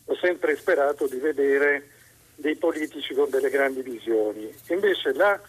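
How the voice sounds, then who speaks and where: Husky male radio caller on the phone. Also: mid-range voice, low-quality recording. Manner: hesitant, searching for words with frequent pauses and restarts. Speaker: radio call-in listener. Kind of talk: call-in question to a radio host.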